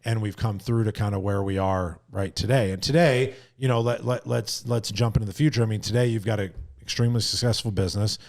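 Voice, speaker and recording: A man hosts a podcast with a casual, blunt manner. His voice is fairly low, he swears freely, and he keeps checking in with his guest with "right?". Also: steady tone, a little fast, creaky, few pauses, darkish tone. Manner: blunt and profane, tags lines with "right?". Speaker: podcast host. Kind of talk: casual interview chat.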